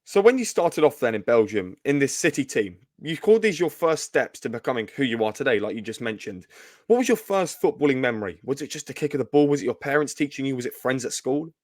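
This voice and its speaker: A man's voice: mid-range voice, animated, fast, no room sound, studio quality. A man hosting an interview who asks long, winding questions. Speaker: interviewer host.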